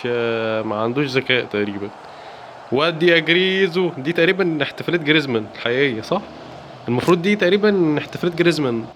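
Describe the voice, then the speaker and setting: A man with an Egyptian accent giving excited, playful commentary while playing a football video game. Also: a little high, slight background noise. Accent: Egyptian Arabic. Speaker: gaming YouTuber. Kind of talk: live gameplay commentary.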